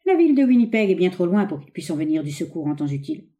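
A woman reading an audiobook, voicing a ruthless, scheming young man who speaks in an urgent, forceful, raised voice. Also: fairly low pitch, very animated, fast talker.

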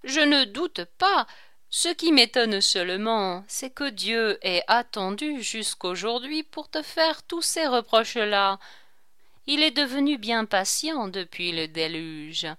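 A woman's voice: a little high, lively intonation, slow pace, pushed and bright, clear, resonant tone, no room sound, clean studio sound, exaggerated voice. A woman reading aloud, voicing a sly, mocking male court jester who teases with ironic questions.

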